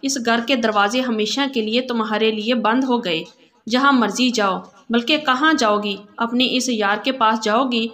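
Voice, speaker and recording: A woman reading a storybook, voicing an angry jealous young husband who yells accusations. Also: a little high, measured pace. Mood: furious. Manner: shouting accusations.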